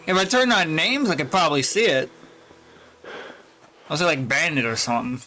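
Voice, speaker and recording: Lively bright-voiced male streamer. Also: on the high side, moderate pace, a little hiss or hum. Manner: swearing, talking to himself, puzzled. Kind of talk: casual gameplay commentary. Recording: faint game music behind.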